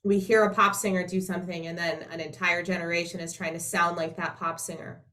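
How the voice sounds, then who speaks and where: A woman's voice: lowish voice, flat delivery, fairly quick, sharp tone. Nasal-voiced woman teaching singing. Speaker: voice teacher, co-presenter. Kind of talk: conversational teaching.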